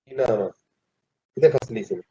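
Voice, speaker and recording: A male teacher giving a classroom lecture, who asks the students questions and pauses mid-phrase. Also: mid-range voice, mellow, husky. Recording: dull lo-fi classroom recording.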